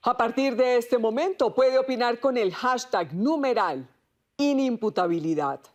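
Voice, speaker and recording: A woman with a Colombian accent reading the news in a formal, even manner. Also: fairly high pitch, measured pace. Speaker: news anchor.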